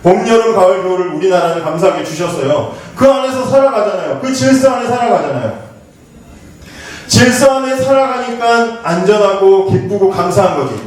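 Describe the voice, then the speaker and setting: A fairly high-pitched man preaches a youth sermon in a lively, conversational way. He keeps asking the teenagers questions and acts out the lines he quotes. His voice rings through a very echoey church hall from some distance off the mic. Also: a little fast. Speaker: pastor preaching to teens. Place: church sanctuary.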